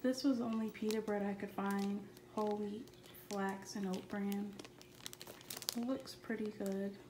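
A woman talks through her grocery haul in a relaxed, matter-of-fact way. Her pitch barely moves. The room rings with echo, and noise sits clearly behind her. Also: a little slow. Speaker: vlogger. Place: home kitchen.

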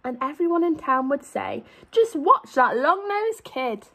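Reading a kids' story out loud, a young woman uses a high voice whose pitch rises and falls in big, energetic sweeps. In a primary-teacher manner, she emphasizes and elongates key words so small listeners can follow.

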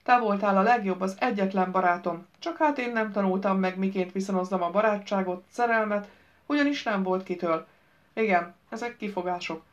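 A young male actor sinks into gloomy self-pity and dramatizes his own failings in a storybook reading, as a woman puts him on. The voice sits at a middle pitch. The recording sounds slightly dull and lo-fi. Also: close to an everyday voice.

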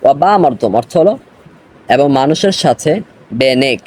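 Slow teaching man, warm mellow voice. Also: on the high side, lively intonation. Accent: Bangladeshi Bengali. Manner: slow, explains and repeats words. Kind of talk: grammar lesson.

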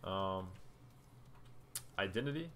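Low-voiced man narrating his gameplay stats. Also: lively intonation, slow, a bit bright, slight background noise. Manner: chatty, loose, talks while scrolling menus. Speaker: gaming YouTuber. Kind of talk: casual gameplay commentary.

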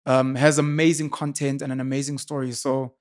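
A man's voice: mid-range voice, little pitch movement, fairly quick. A man in his thirties with a South African accent, telling stories confidently as a guest in a casual studio interview, speaking into a podcast mic. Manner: confident, expansive storytelling. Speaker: podcaster and YouTuber. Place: studio with sofas, indoors. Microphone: boom-arm podcast mic.

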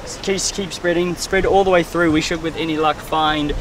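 A man's voice: fairly high pitch, fairly even intonation, moderate pace. A man performing street magic as a card magician, with patter that reassures spectators that everything is fair. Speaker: street magician and vlog host. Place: outdoors on a city street at night. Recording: busy outdoor street with crowd noise.

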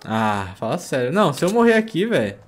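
Brazilian guy gaming, high voice, jokey slangy banter w his squad, faint music behind. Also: very animated, brisk. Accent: Brazilian Portuguese. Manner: playful, jokey slang-heavy banter with teammates. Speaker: gaming YouTuber. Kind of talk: casual gameplay commentary.

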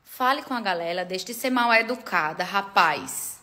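List: woman, 30s, middle pitch, playful, casual vlog chat. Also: moderate pace, sharp tone. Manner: playful, fussing over her pets. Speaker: digital influencer.

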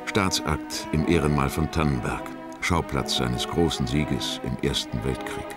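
A man narrating a historical documentary from a script, in short, measured statements. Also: very deep voice, loud music behind the voice. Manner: short, measured declarative phrases.

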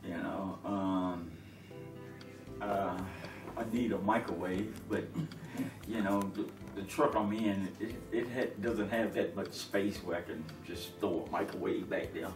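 Sitting on a living-room sofa, a middle-aged man who drives long-haul trucks talks through a laid-back conversational interview, stumbling into fillers and restarts often. His voice sits low, with fairly even intonation and no hurry. The audio is distant and roomy, music playing beneath it.

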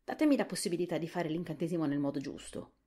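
A woman's voice: low-pitched, animated, fast, warm tone, husky. Woman doing a nervous young boy. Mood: worried. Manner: earnest, worried. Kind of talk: whispered role-play.

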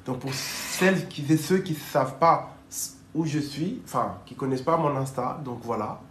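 A man's voice: medium pitch, animated, moderate pace, a bit bright, slight background noise. A man hosting a casual livestream as a dating coach, chatting upbeat and urging viewers to share. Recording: echoey room.

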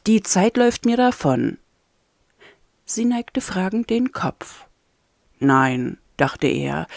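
Woman reader, fan-made audiobook, slow and even, dry close mic. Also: lowish voice, no echo. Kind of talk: scripted narration.

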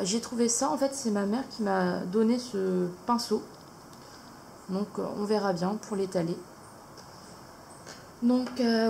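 A woman's voice: on the high side, creaky, darkish tone, slight background noise, poor audio. A woman hosting a casual haul video at home, talking hesitantly with many fillers. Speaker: craft channel host.

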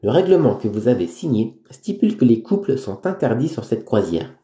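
A man's voice: mid-range voice, sing-song, mellow, lightly acted. A man voicing a stern, formal middle-aged cruise director who lays down the rules. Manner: formal, firm, measured. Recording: roomy echo.

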